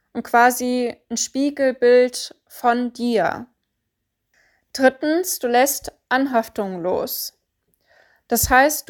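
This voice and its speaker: A woman giving a calm, deliberate coaching monologue, stressing points through repetition. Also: fairly high pitch. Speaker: spiritual coach.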